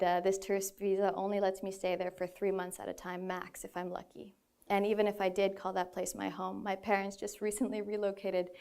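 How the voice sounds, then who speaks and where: A woman in her twenties from the Philippines gives an earnest, prepared talk on stage in a big hall. Her medium-pitched voice has a darkish tone, and she lets out a few light laughs at her own expense.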